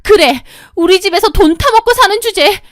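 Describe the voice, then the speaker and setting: A woman voicing a spoiled young sister-in-law who whines and demands in a high, loud voice, in a storybook drama. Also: animated, normal speed, no room sound, studio quality, close to an everyday voice. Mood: whiny demanding. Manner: demanding, whining.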